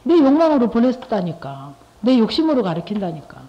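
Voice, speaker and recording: A woman's voice: fairly high pitch, big pitch swings, moderate pace. A middle-aged woman giving a church testimony in a conversational, repetitive way, often asking her listeners rhetorical questions. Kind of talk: testimony talk to a church group. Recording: dull lo-fi recording.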